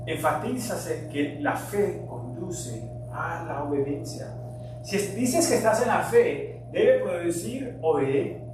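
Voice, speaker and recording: A middle-aged pastor, born in Colombia and a native English speaker, preaches earnestly in a high-sitting voice, swinging between forceful emphasis and quiet moments. The church sanctuary recording is very echoey, with a distant mic and a hum.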